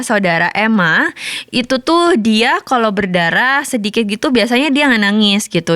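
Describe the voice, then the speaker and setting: A woman pastor in her thirties sharing a personal testimony in a sermon, telling it in a lively, chatty way. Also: on the high side, clear, resonant tone, dry recording, studio quality. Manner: storytelling with lively colloquial asides.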